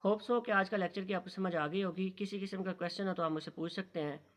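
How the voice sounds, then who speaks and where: A man giving a recorded lesson on punctuation, reading English lines slowly and explaining them patiently. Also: high voice, fairly even intonation, a bit bright. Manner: slow, careful reading of English lines, then explaining in Urdu; addresses students as "beta". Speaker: teacher.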